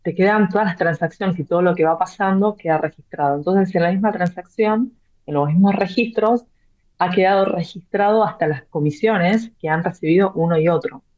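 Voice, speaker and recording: An author and blockchain real estate guest, this woman answers interview questions at length in a brisk, darkish voice on the low side. She's hesitant, restarting often and leaning on fillers and repeated words. The sound is dull and lo-fi.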